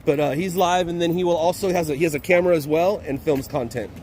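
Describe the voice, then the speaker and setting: A man live-streaming from a city street, chatting quickly and repeating himself as he talks to people at a scene. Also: on the high side. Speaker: live-streaming news videographer. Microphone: phone on a car mount. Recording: loud traffic noise outdoors. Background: passing cars.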